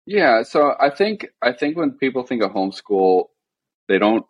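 A young man from the Midwest, chatting as a podcast guest in a flat, deadpan monotone with lots of "like" fillers. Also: medium pitch, normal speed, highs cut off. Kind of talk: casual podcast chat.

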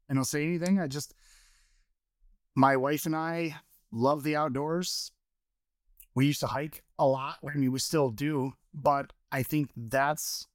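Guy from michigan on a podcast, kinda high smooth voice, lots of ums and restarts, dry close mic. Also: no echo. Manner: hesitant, many fillers and restarts, laughs easily. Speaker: podcast guest, photographer. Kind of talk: casual interview chat.

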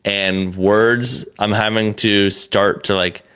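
A man's voice: lowish voice, fairly even intonation, slow pace, a bit bright, clear, resonant tone. A young man, a comedian and podcast co-host, telling a story in a loose, rambling way, full of "like" and restarts, with casual swearing. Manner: rambling, lots of "like" and restarts, profane.

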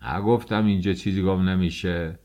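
A man voicing a gruff, scolding mustached male doorman at a government office in an audiobook. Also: low voice, steady tone, darkish tone, highs cut off, lightly acted. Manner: barking, scolding.

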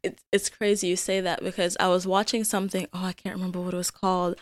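A woman from Jamaica hosting a podcast, chatting in an animated way. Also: on the low side, fast, no room sound. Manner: animated, acts out quotes. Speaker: podcast host. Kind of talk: casual interview chat.

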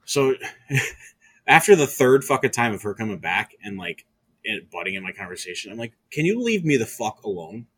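A young man telling a profane bar story in casual chat, getting loud when heated. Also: fairly low pitch, breathy edge.

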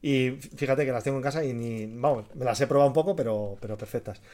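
A man with a Spain Spanish accent co-hosting a casual podcast, lively and jokey, swearing freely. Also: mid-range voice, quick pace. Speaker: podcast co-host. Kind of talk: casual chat.

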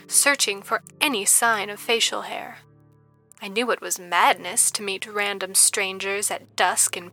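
A woman as an audiobook narrator, reading a story in a steady, even voice. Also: medium pitch.

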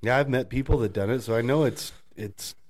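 A man's voice: fairly quick, darkish tone. A man co-hosting a casual chat, telling stories and often laughing as he talks. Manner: storytelling, mimics people in high voices; laughs often while talking.

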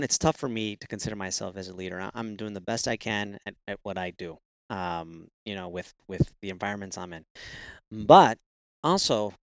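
A man talking as a podcast guest, halting and often repeating words as he restarts his phrases. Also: mid-range voice, fairly bright tone, no echo. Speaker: podcast guest, SEO consultant. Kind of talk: casual podcast conversation.

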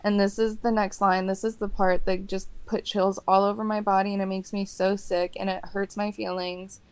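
A woman's voice: mid-range voice, little pitch movement, moderate pace, clean tone, poor audio. A young adult woman co-hosting a casual podcast chat, talking emphatically and emotionally with plenty of swearing. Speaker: podcast co-host.

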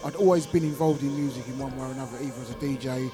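A man's voice: mid-range voice, racing. A middle-aged man with a London accent, reminiscing casually as an interview guest in a studio. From East London, England. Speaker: guest, veteran DJ and radio station founder. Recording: music playing behind the voice.

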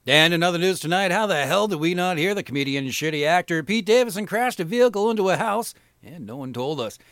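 A man's voice: high voice, animated, quick pace, fairly bright tone, no room sound, studio quality. A middle-aged man hosting a podcast, reading crude satirical news with a profane, mocking, sarcastic delivery. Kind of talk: crude comedic news parody.

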